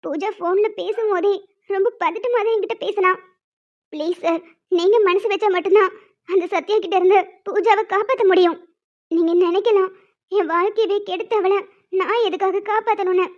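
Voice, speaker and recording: A woman's voice: extremely high pitch, steady tone, normal speed. A woman voicing an anxious young woman who earnestly begs a man for help in a cartoon. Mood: pleading. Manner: earnest, begging. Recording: dull lo-fi recording.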